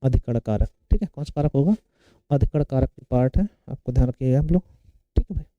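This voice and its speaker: A man's voice: mid-range voice, quick pace, no echo, highs cut off. A man teaching grammar for an exam, asking questions and answering them himself, repeating the key terms. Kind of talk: exam-prep lecture.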